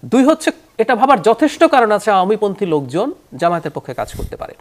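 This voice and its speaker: A man giving political commentary as a talk show guest, his voice sitting high and swinging widely up and down. He lays out his arguments in an explanatory, animated way and slips English terms into his sentences. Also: fast talker.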